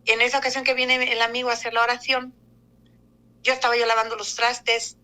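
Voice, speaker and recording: A woman giving an emotional personal testimony, talking haltingly with many fillers and restarts. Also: fairly high pitch, little pitch movement, pushed and bright, low-quality recording. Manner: fearful, emotional retelling.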